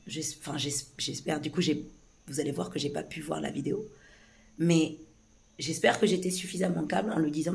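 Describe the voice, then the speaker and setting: A woman with a low, hoarse voice speaks straight to camera in a loose, unscripted way. She stumbles and restarts often, repeating words as she pushes through an agitated account. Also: darkish tone. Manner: agitated, hesitant, many restarts and fillers. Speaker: vlogger recounting a police incident. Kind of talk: casual spoken account to camera.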